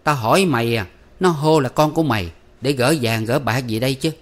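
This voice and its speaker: A man voicing a sharp-tongued, scolding middle-aged village mother who nags her grown son. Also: medium pitch, brisk, pitched above the performer's own voice, lightly acted. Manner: nagging, scolding.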